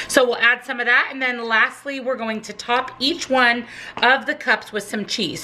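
A woman's voice: fairly high pitch, bright, forceful tone. A woman narrating her weekly meal prep in an upbeat, chatty voice-over, explaining each step as she cooks. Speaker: meal prep vlogger and nutrition coach. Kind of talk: casual cooking voice-over.

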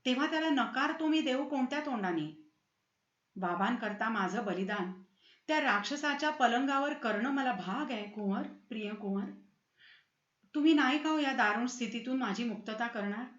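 A woman's voice: fairly high pitch, expressive, normal speed, fairly bright tone, reverberant, lo-fi sound. Woman voicing coaxing tearful young heroine. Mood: pleading. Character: scheming young woman, sweet-talking and tearful.

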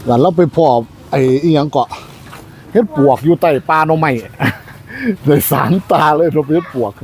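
A man's voice: on the high side, very animated, normal speed, a little mellow. Isan man hyping market bargains, noisy outdoors. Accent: Isan, northeastern Thai. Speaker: market vlogger. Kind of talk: casual market tour commentary to viewers.

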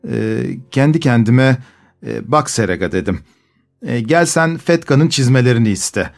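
A man voicing a pushy young coachman who wheedles and hesitates with a drawn-out "e" sound. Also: mid-range voice, expressive, gravelly. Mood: wheedling. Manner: nudging, starts lines with hesitant "e".

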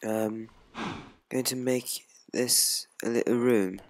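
A young Swedish man with a Swedish accent rambles hesitantly through casual let's play commentary, full of ums, while music plays behind him. His voice sits at medium pitch with fairly even intonation, and he takes things slowly.

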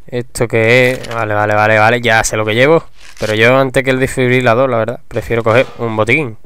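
A young man giving casual, excitable gameplay commentary, swearing and breaking into shouts. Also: medium pitch, clean tone. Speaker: gamer. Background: game music.

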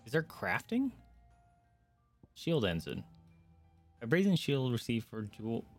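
This streamer speaks slowly but very animatedly in a medium-pitched voice, offering relaxed commentary on his game. Video game music plays as he mutters to himself and reads text from the screen aloud.

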